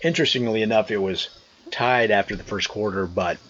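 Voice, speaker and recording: A man's voice: on the low side, brisk, fairly bright tone, muffled recording. An American man chatting casually and telling a story to his vlog viewers in an amused, conversational manner, outdoors. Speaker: vlogger. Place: outdoors on a trail.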